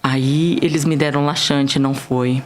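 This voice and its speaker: A woman's voice: a bass voice, steady tone, slight background noise. A woman with a Brazilian Portuguese accent tells a personal faith testimony on a church podcast, speaking earnestly and acting out the dialogue. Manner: earnest, emotional storytelling that re-enacts dialogue, slowing down on key words. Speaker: guest sharing a testimony.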